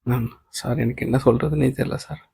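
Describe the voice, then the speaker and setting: Nervous, grateful young woman employee, read by a man in his own gravelly voice, audiobook novel, dry close sound. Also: medium pitch, steady tone, fast talker, dark tone, dry recording, full character voice. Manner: names the speaker before each line.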